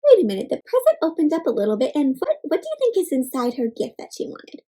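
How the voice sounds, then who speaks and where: A fast-talking woman whose voice sits high does a lively storybook reading for kids. Along the way she questions her listeners and adds playful exclamations and sound effects.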